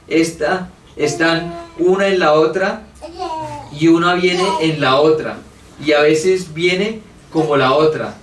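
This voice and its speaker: Man teaching theology in an echoey room. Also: on the high side. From Colombia. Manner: earnest, thinking aloud, acts out both sides of a debate. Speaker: Bible study teacher. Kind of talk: church theology class. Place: church meeting room. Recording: echoey room from far off, faint hiss.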